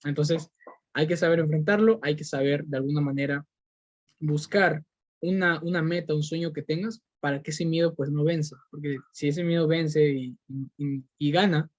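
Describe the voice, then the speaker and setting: A young Peruvian man with a Peruvian Spanish accent hosts a podcast, delivering an earnest motivational monologue full of fillers and restarts. His voice is fairly high, with fairly even intonation and a moderate pace. The recording is dry, dull and lo-fi.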